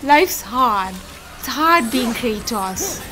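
High-voiced woman narrating her gameplay slowly. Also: lively intonation, noisy background. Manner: rambling, self-mocking, exclaims and mutters. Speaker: gamer streaming gameplay. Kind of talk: self-deprecating gameplay commentary. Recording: game music playing behind.

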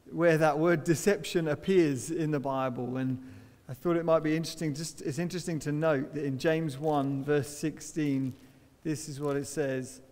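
A middle-aged pastor preaches a sermon from a church hall stage, his voice on the high side with a darkish tone. He tells stories conversationally and laughs at himself along the way.

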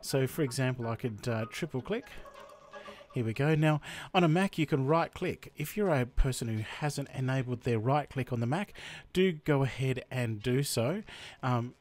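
A man from Australia hosting a software tutorial voice-over, explaining each step in a chatty way. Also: mid-range voice, moderate pace. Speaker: tutorial host. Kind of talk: screen-recording tutorial voice-over.

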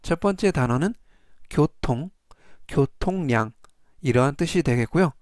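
Korean-native male vocabulary teacher, slow formal delivery, dry close mic. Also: a little high, lively intonation, darkish tone, no room sound. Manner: repeats each word three times, measured and formal. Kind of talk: slow, deliberate vocabulary lesson.

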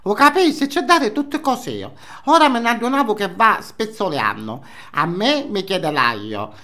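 Man playing a high-pitched Sicilian-dialect gossiping housewife. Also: big pitch swings, moderate pace, bright, forceful tone, heavily acted. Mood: indignant gossip. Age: older. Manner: Sicilian dialect mixed in, scolding and repetitive. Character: nosy, indignant older Sicilian housewife, gossiping about neighbours. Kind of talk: comic character monologue. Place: small indoor room, seated facing camera.

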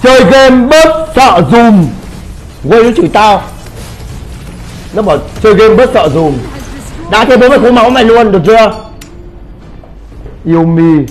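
A man's voice: high voice, expressive, unhurried, pauses often, a little hiss or hum, rough recording. A man giving casual gameplay commentary, swearing and crying out in pain as he plays. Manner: swears, cries out in pain during play. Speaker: gamer streamer.

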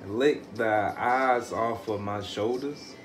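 A man in playful, slangy, excitable banter during a casual vlog game, with music playing over his voice. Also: on the low side, takes it slowly.

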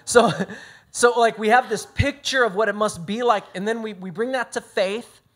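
A man's voice: sits high, fairly even intonation, moderate pace, a bit bright. Earnest male pastor. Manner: earnest, emphatic, with frequent restarts. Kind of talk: sermon delivered as a conversation.

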